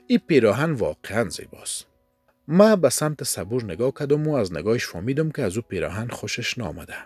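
A man with an Afghan Dari accent narrating a first-person story in a calm, measured reading. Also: mid-range voice, breathy edge.

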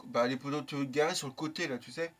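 A young man telling a casual story in a lively, slangy way, with plenty of swearing. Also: medium pitch, quick pace. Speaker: YouTuber.

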